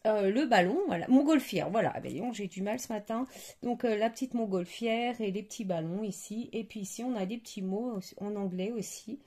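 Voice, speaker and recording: A woman talks through craft supplies in a relaxed show-and-tell. Her voice has a gravelly, mellow texture. She hesitates often and fills her pauses while hunting for words. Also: mid-range voice. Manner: hesitant, many fillers and searching for words. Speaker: crafting vlogger. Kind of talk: casual product show-and-tell.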